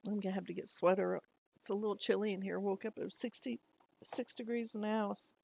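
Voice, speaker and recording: A woman's voice: medium pitch, steady tone, a little fast, creaky, a little mellow, rough recording. A middle-aged woman chatting casually to camera at home, rambling and laughing often. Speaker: lifestyle vlogger. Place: at home, indoors.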